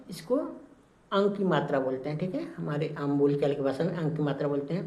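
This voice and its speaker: A man teaching an exam-prep class in a soft, mellow voice. He explains step by step and circles back to each key point with frequent check-ins. The sound is roomy, with a clear echo around him. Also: sits high.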